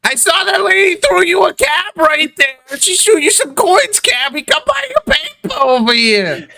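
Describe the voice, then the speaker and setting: A man voicing a small, cheeky frog-like paper boy who hawks his papers loudly. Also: very high-pitched, big pitch swings, measured pace, creaky, pitched above the performer's own voice, exaggerated voice. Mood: hawking. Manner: hawking, brash, shouting.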